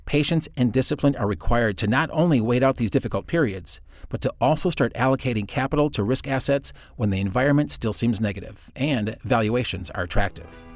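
A male podcast host reads prepared financial narration. His pitch sits in the middle range, and the sound is dry, without room reflections. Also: a little fast, hardly any pauses, dry recording.

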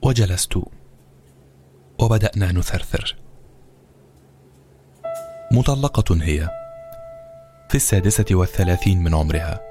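A man narrating a novel in a calm, measured storytelling voice. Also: deep voice. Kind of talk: audiobook narration. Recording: narration over background music.

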